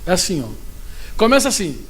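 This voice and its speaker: Animated Brazilian pastor preaching. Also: male voice, high-pitched, fairly quick, slightly rough. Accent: Brazilian Portuguese. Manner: animated, talks straight to the audience with frequent asides. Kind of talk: sermon at a pastors' conference.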